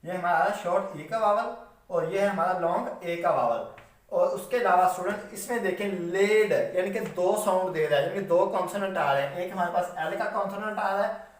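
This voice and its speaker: A man teaches shorthand in a patient, repetitive classroom manner, often stopping to check that students follow and spelling words out slowly. His voice sits fairly high for a man. He sounds set back from the mic in a strongly echoing room. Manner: patient, repetitive explaining, frequent "theek hai" checks. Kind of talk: classroom lecture. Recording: very echoey room, voice from a distance.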